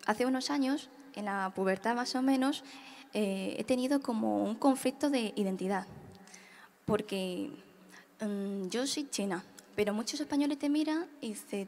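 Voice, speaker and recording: A young woman from Spain giving a hesitant, reflective personal testimony on a church panel. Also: on the high side. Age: young adult. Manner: hesitant, many fillers, reflective. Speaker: panel speaker. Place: large congress hall. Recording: hall reverb.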